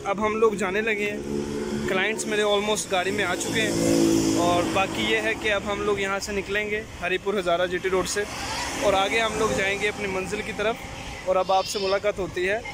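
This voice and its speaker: Speaking in an expressive high voice at a moderate pace, a young man from Pakistan vlogs his travels with his phone held out at arm's length. He's a tour organizer pitching to viewers in a chatty tone beside a road and on a hill trail, and the outdoor audio is noisy.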